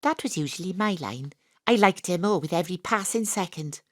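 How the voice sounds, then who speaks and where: Voicing a sporty, wry amateur detective, a Welsh-accented actress narrates her character's story with self-deprecating humour in a first-person radio drama. Her voice is lowish and expressive, a little quick, captured cleanly on a home studio mic with no room sound.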